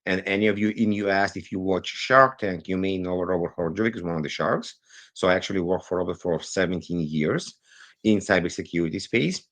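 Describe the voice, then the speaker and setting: An Israeli cybersecurity consultant with a deep, creaky voice speaks English as a non-native speaker. As a guest on a virtual call, he tells his story in a conversational interview, animated and digressive, hurrying through some phrases.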